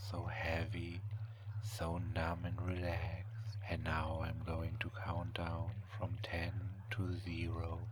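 A man softly whispering a slow, soothing hypnotic relaxation and countdown, in a hushed, breathy, repetitive manner. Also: sits low. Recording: clearly audible background noise.

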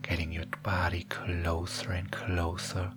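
Very deep, slow, hushed man close in the ear. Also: monotone. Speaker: hypnosis audio narrator. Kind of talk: slow, hushed adult hypnosis narration. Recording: music behind the voice. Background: music.

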